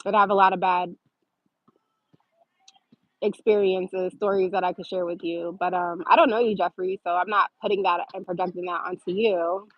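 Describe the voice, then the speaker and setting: A woman's voice: on the low side, fairly even intonation, moderate pace, no echo. Sarcastic lady going live, answering comments, laughs a lot, kinda dull dry mic. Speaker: livestream host reading viewer comments. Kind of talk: casual livestream chat.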